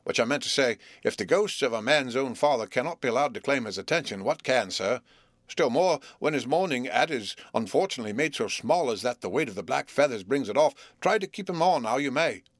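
A man reading aloud and voicing a humble, awkward country blacksmith who talks in a rustic dialect, earnest and halting. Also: medium pitch, lively intonation, fairly bright tone, dry recording, clean studio sound. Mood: flustered.

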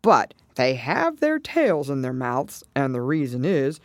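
A woman voicing a touchy, melancholy old male turtle in a storybook, slow, solemn and drawn-out. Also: rumbling low, huge pitch swings, no room sound, studio quality, full character voice. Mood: drowsy, ponderous.

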